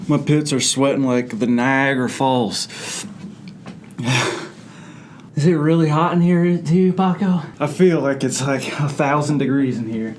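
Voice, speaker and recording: A young man hosting a youth ministry video, dramatically complaining and coughing through a spicy food challenge. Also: medium pitch. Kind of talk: casual hot-sauce challenge banter. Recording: noisy room background.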